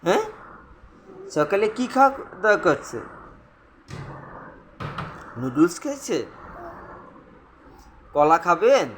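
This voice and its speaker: A man's voice: sits high, very animated, takes it slowly, pauses often, a little hiss or hum. Man coaxing a toddler in sing-song. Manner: coaxing, sing-song baby talk with playful exclamations. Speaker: father filming his toddler. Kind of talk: talking to a toddler on camera. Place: at home indoors.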